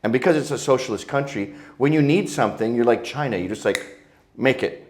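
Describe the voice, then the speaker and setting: A man's voice: medium pitch, brisk, a little hiss or hum. A middle-aged man, telling stories as an interview guest in a crude, joking, provocative way. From Canada. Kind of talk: casual interview storytelling.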